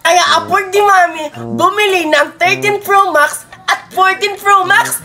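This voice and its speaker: A woman's voice: very high-pitched, steady tone, a little slow, pushed and bright, soft background music, exaggerated voice. A woman voicing a spoiled, boastful little girl in a comic skit, bragging in a whiny childish voice. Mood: proud.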